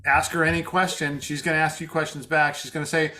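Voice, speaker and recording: A man's voice: fairly high pitch, level tone, bright, forceful tone. A man hosting a casual podcast conversation, enthusiastic and affirming. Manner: enthusiastic, affirming, quick asides. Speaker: podcast host.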